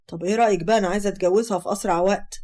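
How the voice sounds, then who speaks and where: A woman's voice: mid-range voice, fairly even intonation, racing, dark tone, close to an everyday voice. A woman with an Egyptian accent voicing a pushy older man who is impatient and demanding. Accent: Egyptian Arabic.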